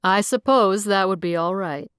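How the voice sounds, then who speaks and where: A woman's voice: mid-range voice, moderate pace, fairly bright tone, clean tone, no echo, studio quality, lightly acted. A woman reading an audiobook voices a friendly, easygoing man running a fairground ride.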